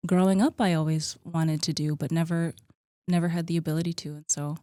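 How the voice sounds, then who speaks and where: A relaxed woman in her mid-thirties chats about herself in a loose, friendly way, her speech full of "like" and "um". Her voice sits a little low for a woman. The sound is dry and close, with no room echo. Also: a little fast. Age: 30s. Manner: chatty, relaxed, many likes and ums. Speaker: podcast guest, gym co-owner. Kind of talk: casual conversational interview.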